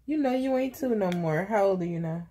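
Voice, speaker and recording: Holding her phone at arm's length in the bedroom, a mother in her thirties lies in bed and chats casually with her daughters before sleep. She speaks fairly quickly in a warm, mid-range voice with lively intonation, teasing the girls and asking the same questions again and again. There is slight background noise.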